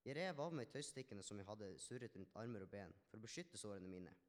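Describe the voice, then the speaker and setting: A man with a fairly low, animated voice close to his everyday speech plays a healed Samaritan leper, recounting his story in an earnest, reflective first-person monologue with small restarts. The mood is somber, and a long hall reverb colors the recording.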